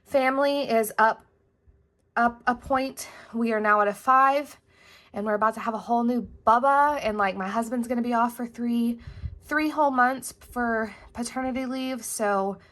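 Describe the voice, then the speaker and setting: A woman's voice: fairly high pitch, normal speed, a bit bright. Chatty, slightly breathless pregnant woman. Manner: chatty, rambling, self-correcting. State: heavily pregnant, a bit out of breath. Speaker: vlogger. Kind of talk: casual planner vlog. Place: at home, standing at her desk.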